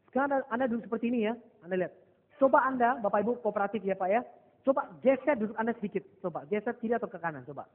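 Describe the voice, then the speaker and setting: Male seminar trainer, high voice, lively storyteller, echoey hall, thin phone-like sound. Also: very fast. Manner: lively storytelling, mixing English phrases, acting out dialogue. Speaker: motivational NLP trainer. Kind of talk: seminar talk to a live audience.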